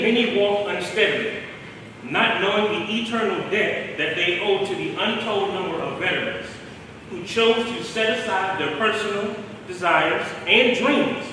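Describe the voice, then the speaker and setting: A man giving a keynote speech in formal, measured oratory. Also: sits high, expressive, sharp tone, a little hiss or hum. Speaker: keynote speaker. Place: large hall. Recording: echoey hall from far off.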